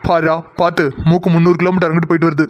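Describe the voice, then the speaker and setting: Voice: mid-range voice, level tone, racing, dry recording, highs cut off. A voice actor playing several cartoon characters, teasing and chatty. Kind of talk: cartoon voice acting.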